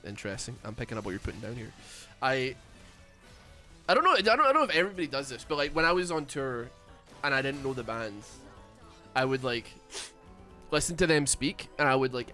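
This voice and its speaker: Medium-pitched, pushed and bright, the voice belongs to a man from Scotland with a Glaswegian accent and a lisp. He streams a game while rambling and mumbling through casual chat, leaning heavily on fillers.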